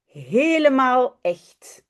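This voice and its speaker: A woman voicing a proud, bossy little girl in a children's story, in a bright, insistent storybook voice. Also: sits high, very animated, very slow, pitched above the performer's own voice, heavily acted.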